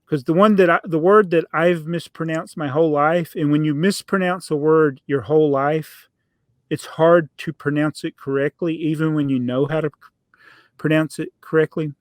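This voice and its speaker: A man's voice: on the high side, fairly even intonation, moderate pace, no room sound. A middle-aged man hosting a podcast, telling rambling stories in a casual chat and laughing often. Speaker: podcast host.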